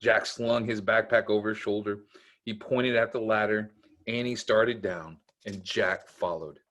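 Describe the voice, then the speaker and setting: A man's voice: lowish voice, fairly even intonation, measured pace, a bit bright. Man reading a children's storybook aloud. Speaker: camp executive director reading to children.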